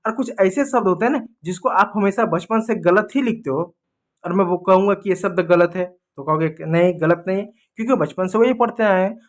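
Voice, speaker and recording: High-voiced Indian man drilling pronunciation. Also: fairly quick. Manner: repetitive, drilling words over and over. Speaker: English pronunciation teacher. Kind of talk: classroom lesson.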